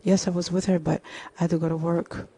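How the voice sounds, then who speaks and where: A woman voicing an anxious young man, halting and worried. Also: fairly low pitch, flat delivery, dark tone, breathy edge.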